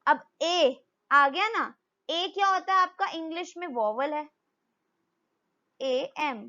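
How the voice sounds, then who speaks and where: Bright-voiced Indian woman teaching grammar. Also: very high voice, animated, unhurried, dull audio. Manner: mixes Hindi and English, asks the class questions and answers them. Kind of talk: explaining grammar in a video lesson.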